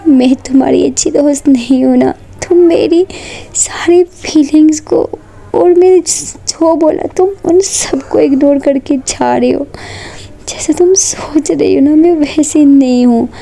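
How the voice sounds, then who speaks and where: A woman's voice: little pitch movement, unhurried, gravelly, mellow, full character voice. A woman voicing a tearful young college woman who begs her friend for forgiveness, in a story reading. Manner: crying, begging, high-pitched.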